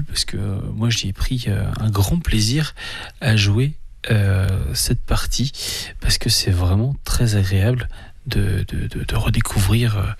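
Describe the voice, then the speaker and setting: Male podcast host, low husky rasp, halting casual delivery, dry close sound. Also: no room sound. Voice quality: gravelly, husky. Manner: hesitant, many filler pauses.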